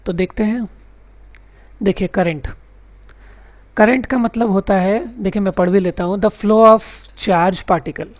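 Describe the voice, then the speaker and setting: A man's voice: high voice, darkish tone. Man explaining electronics step by step. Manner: explains step by step, reading out English definitions slowly; mixes English technical terms into his speech. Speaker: electronics tutor. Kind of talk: recorded tutorial lesson.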